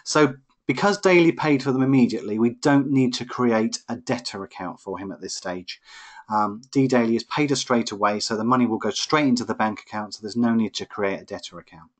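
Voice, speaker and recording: A man's voice: mid-range voice, brisk. A man tutoring accounting in a live online lesson, explaining each step patiently over a computer microphone. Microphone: computer microphone on a webinar.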